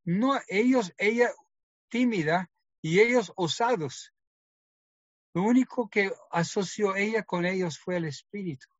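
Man telling a story, higher voice. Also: measured pace, no room sound, highs cut off. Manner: earnest storytelling, acting out quoted dialogue. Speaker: testimony speaker. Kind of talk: personal testimony.

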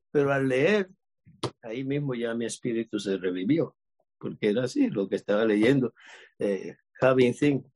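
A man from Cuba, casually sharing a testimony with a church group and acting out the dialogue as he retells it. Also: medium pitch. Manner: lively retelling, acts out quoted dialogue.

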